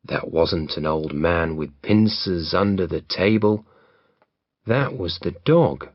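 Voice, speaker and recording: A man's voice: deep voice, slow, no echo, pitched below the performer's own voice. A man voicing a scornful robber chief who dismisses his man's fears, on a dull lo-fi recording. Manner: dismissive, correcting.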